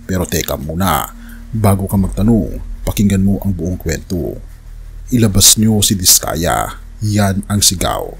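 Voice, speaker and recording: A man's voice: deep voice, a little hiss or hum. A man giving scripted narration of news with preaching, earnestly addressing the listener as a friend. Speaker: religious news commentary narrator.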